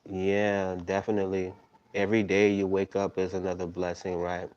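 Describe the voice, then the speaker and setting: Deep-voiced man, rambling live-stream talk. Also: monotone, moderate pace, darkish tone, clear, resonant tone, muffled recording. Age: 30s. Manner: rambling, tags sentences with "right?". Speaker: tarot reader hosting a live stream. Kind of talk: casual live-stream monologue.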